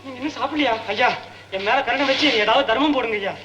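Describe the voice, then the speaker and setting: Cheeky young comic suitor, quick teasing banter, high and fast, echoey old film sound. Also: male voice, heavy background noise.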